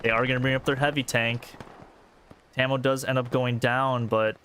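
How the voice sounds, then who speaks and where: A man casting a competitive video game match play-by-play, tired and a little out of breath, talking quickly and getting excited at big plays. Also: mid-range voice, a little hiss or hum. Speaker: esports caster. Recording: game gunfire and artillery behind.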